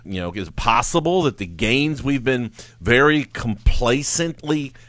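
A man hosting a radio finance show, talking in a casual, animated way and laughing often. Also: mid-range voice, measured pace, dry recording. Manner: animated, laughs often, mocks carefree investors in a sing-song voice. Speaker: financial adviser radio host. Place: radio studio. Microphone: studio mic.

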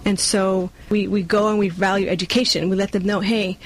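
A community organizer who leads a nonprofit answers interview questions with earnestness, sometimes acting out quotes. The person grew up in Brooklyn after being born in Cuba, speaks Spanish natively with a New York accent, and talks fairly quickly at a medium pitch with little movement.

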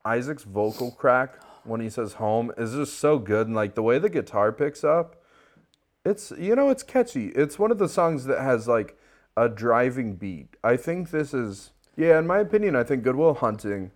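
A man's voice: mid-range voice, very animated, normal speed. A man co-hosting a podcast, chatting casually and enthusiastically about an album, often laughing. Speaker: podcast co-host. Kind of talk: casual music review chat.

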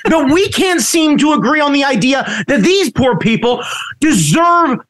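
A man's voice: very high-pitched, very animated, unhurried, fairly bright tone. A man hosting a casual chat, ranting with heavy swearing and sarcastic exasperation. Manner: profane, ranting.

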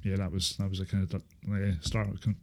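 A Scottish man in his thirties recalling his life in a casual interview, speaking haltingly with repeated filler phrases. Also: low voice, completely flat delivery. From Inverness, Scotland. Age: 30s. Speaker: interview guest, former supported-housing tenant. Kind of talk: casual interview, personal recollection.

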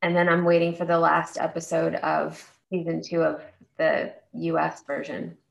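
Woman, lowish pitch, creaky, podcast co-host, casual chat. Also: monotone, normal speed, highs cut off.

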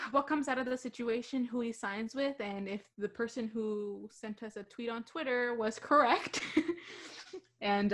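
A woman's voice: a little high, fairly bright tone. Chatty young woman co-hosting hockey talk. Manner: chatty, giggly, with fillers and restarts. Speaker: radio show co-host. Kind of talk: casual sports chat.

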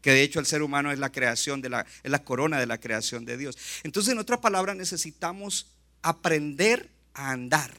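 A male pastor preaching a lively sermon, often acting out short asides and quotes. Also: on the high side. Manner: animated preaching, acts out quick asides.

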